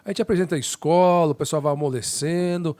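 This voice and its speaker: A man co-hosting a podcast, animated and joking, talking straight to listeners. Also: on the high side, fast. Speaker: podcast co-host. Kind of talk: lively podcast chat.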